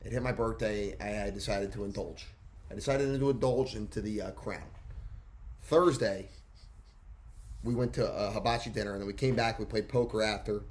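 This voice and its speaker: A man's voice: on the low side, steady tone, moderate pace, a little mellow. Rambling mid-twenties man co-hosting a podcast. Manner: rambling storyteller who repeats phrases. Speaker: podcast co-host. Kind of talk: casual podcast banter.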